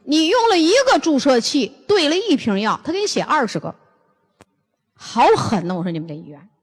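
A woman's voice: high voice, very animated, a little fast, breathy edge, long reverb tail. Blunt older woman lecturing. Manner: blunt, forceful storytelling with rhetorical questions. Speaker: lecturer on health and nutrition. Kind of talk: lively anecdotal lecture.

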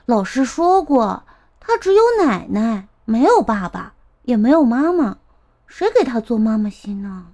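Impatient little classmate, read by a woman, scolding, lively pitch, storybook reading. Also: measured pace, exaggerated voice. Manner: scolding, matter-of-fact.

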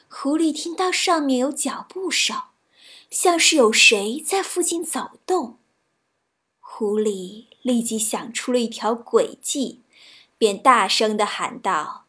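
A woman reading children's stories aloud, in a gentle storybook narration with a soft delivery. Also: fairly high pitch.

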